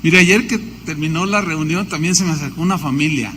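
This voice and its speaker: A Mexican pastor preaching in a large church hall, his voice high and bright. He stacks up lists and tells stories with lively energy. The hall's long reverb carries over a faint hum of background noise. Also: a little fast. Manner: animated preaching with lists and storytelling asides. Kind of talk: sermon.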